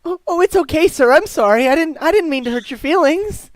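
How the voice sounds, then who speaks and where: A man voicing an excited young boy who stammers eagerly. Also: very high-pitched, a little fast, no room sound, pitched above the performer's own voice.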